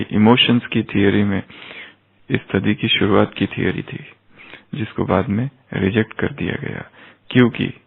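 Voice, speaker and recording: Gravelly man lecturing over a tinny line. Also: fairly low pitch. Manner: poses rhetorical questions to listeners; mixes in English terms. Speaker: spiritual lecturer. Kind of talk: explanatory discourse. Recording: tinny phone-like sound.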